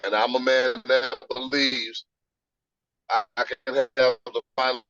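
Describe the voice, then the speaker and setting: A man's voice: mid-range voice, little pitch movement, measured pace, a bit bright, no room sound, highs cut off. A man guest on a video call, quoting scripture and explaining points step by step in a teaching manner. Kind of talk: casual interview, teaching.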